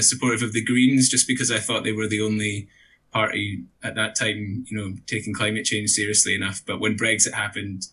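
A man's voice: fairly low pitch, bright, forceful tone, husky. A man from Shetland with a Shetland Scottish accent, giving chatty, conversational answers as an interview guest. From Shetland, Scotland. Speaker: interview guest, election candidate.

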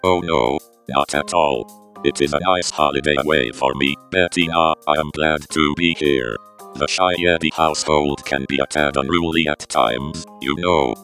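A man's voice: extremely low pitch, fairly even intonation, moderate pace, a bit bright. A man voicing a courteous, formal household robot with a robotic voice effect and faint music behind. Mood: polite. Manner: stiff, formal, courteous phrasing. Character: polite, helpful, formal male robot butler.

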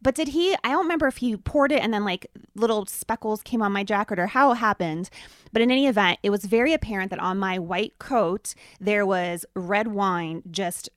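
A woman's voice: mid-range voice, fairly quick, no room sound, clean studio sound. A middle-aged woman co-hosting a casual chat, telling stories in a chatty way and laughing often. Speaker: podcast co-host.

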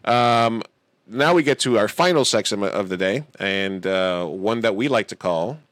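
A man's voice: on the low side, expressive, a little slow, a bit bright, dry recording. A man hosting a podcast, chatting casually and rambling, acting out quotes in silly voices. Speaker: podcast host. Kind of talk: casual chat.

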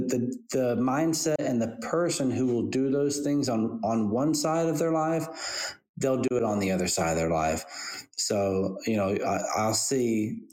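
A man's voice: medium pitch, a little mellow. A man speaking as a financial advisor guest, talking chattily and candidly with everyday examples. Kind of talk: casual interview answers. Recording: roomy echo.

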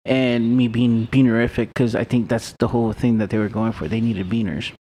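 Guy cracking jokes on a podcast, does little voices for people, mid pitch, faint rumble. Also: flat delivery, brisk, dark tone. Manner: joking, acts out quoted people. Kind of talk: casual chat.

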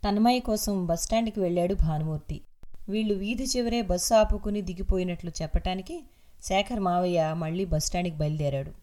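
A woman narrating a serialized audio novel in a steady, measured reading voice. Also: lowish voice.

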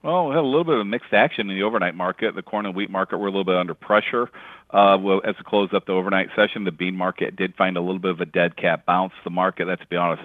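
Low-voiced man on a tinny phone line. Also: no echo. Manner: relaxed, conversational, with frequent "you know" fillers. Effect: heard over a phone line. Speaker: grain and livestock market analyst. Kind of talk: casual market commentary in an interview. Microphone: telephone.

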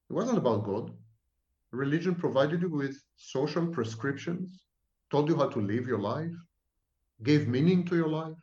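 A psychology professor from Israel, appearing as a guest, answers at length in an emphatic, repetitive lecturing style full of sweeping declarations. His voice is a little high and mellow. The recording is roomy and lo-fi.

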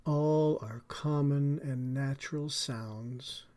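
A man leading a guided relaxation as a podcast host, soothing and deliberate in his measured phrasing. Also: mid-range voice, warm tone.

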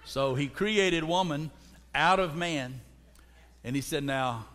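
A man preaching from the pulpit, playful and direct with his listeners. His voice sits a little high for a man. A long church reverb rings behind every phrase. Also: slow pace, a bit bright. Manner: humorous, calls out to the congregation. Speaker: pastor. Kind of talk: sermon. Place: church sanctuary.

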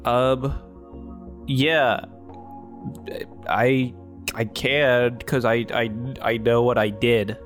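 A man's voice: mid-range voice, little pitch movement, drawn-out words, pauses often, a bit bright, faint music behind. A man playing a bumbling young hero who stammers and hesitates as he bluffs confidence, in a comedy sketch. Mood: unsure bravado. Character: bumbling young male chosen-one hero.

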